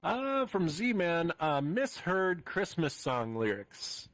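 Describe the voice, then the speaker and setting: A man's voice: a little high, big pitch swings, slow pace, a bit bright, no echo. A man hosting a live improv comedy stream, reading out audience suggestions with hesitant fillers and easy laughter. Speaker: improv show host.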